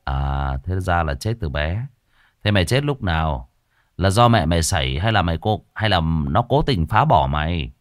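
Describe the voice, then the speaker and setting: A man playing a stern young exorcist master who questions a ghost in a low, gruff, clipped voice. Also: animated, normal speed, dry recording, studio quality. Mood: impatient questioning.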